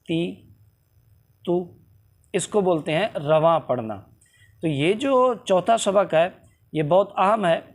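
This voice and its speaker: A man gives a tajweed lesson, teaching recitation. His voice sits high, and he talks unhurriedly. He draws out each letter sound so learners can hear the difference. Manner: slow and explanatory, drawing out letter sounds to demonstrate.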